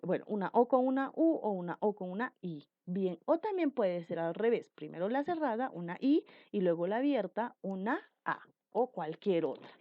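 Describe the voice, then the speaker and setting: A woman teaching a grammar lesson, explaining slowly and emphatically with repeated examples. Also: mid-range voice, lively intonation, dry recording, dull audio.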